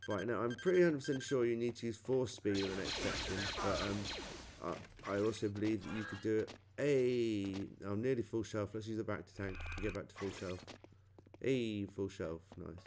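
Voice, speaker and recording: A British-accented man records a playthrough, giving a casual, chatty walkthrough of the game and thinking aloud as he plays. His voice is lowish at a moderate pace, with background noise behind it.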